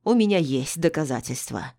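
A woman's voice: deep voice, animated, moderate pace, vocal fry, warm tone, heavily acted. A woman reading the part of a harsh, embittered middle-aged male doctor in an audiobook, snapping and contemptuous. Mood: icy.

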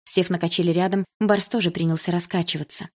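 A woman narrating a first-person novel with an expressive, emotional reading. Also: on the low side, quick pace. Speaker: audiobook reader.

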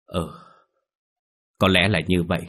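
A man voicing a grave older exorcist who gives solemn, ominous warnings in a low, husky voice. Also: little pitch movement, unhurried, a bit bright.

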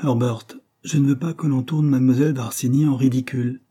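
A man's voice: mid-range voice, expressive, brisk, warm tone, slightly rough, voice pushed up. A man reading a stern, sour middle-aged lady of the house in an audiobook, speaking severely.

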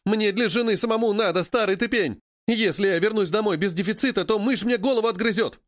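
A man's voice: sits high, brisk, no room sound, clean studio sound, voice pushed up, natural voice. A man voicing a panicky young husband who exclaims in agitation. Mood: indignant.

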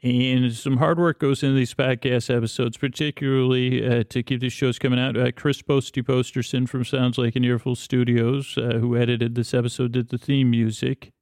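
Creaky, flat-toned man rambling sleepily. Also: mid-range voice, dry recording, clean studio sound. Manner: lulling, soothing, meandering, with pauses and self-corrections. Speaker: sleep podcast host. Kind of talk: rambling bedtime monologue.

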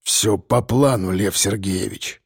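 A man voicing a gruff, stubborn bodyguard. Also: slow pace, dry recording, studio quality, full character voice. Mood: grim. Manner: low, terse, stubborn. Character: stubborn, restrained male bodyguard.

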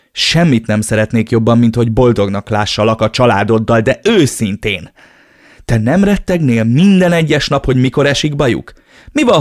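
A man's voice: mid-range voice, no room sound, clean studio sound, close to an everyday voice. A man doing an insistent, stern older sister. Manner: insistent, urgent pleading.

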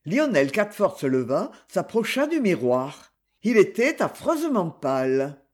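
A male audiobook narrator reads at an unhurried pace. His high voice moves through a lively range, and his tone is slightly husky.

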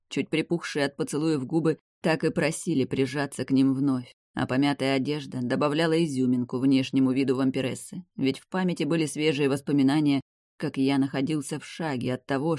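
An audiobook reader giving slow, measured first-person fantasy narration. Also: medium pitch, a little mellow, no echo, studio quality.

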